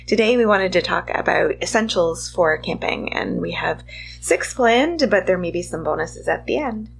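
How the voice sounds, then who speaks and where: Female podcast co-host with medical background, lowish gravelly voice, practical tone, faint hum underneath. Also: expressive, moderate pace. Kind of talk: casual advice talk.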